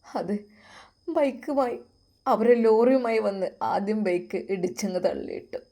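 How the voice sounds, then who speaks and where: A woman's voice: medium pitch, a little slow, dark tone. A woman doing an earnest, resentful young man. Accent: Malappuram Malayalam. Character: hurt determined young man.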